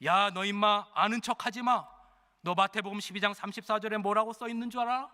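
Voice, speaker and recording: A male pastor voicing a gruff death-row prisoner who bosses other inmates about faith, in a rough scolding manner. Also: high voice, moderate pace, sharp tone, in a large hall.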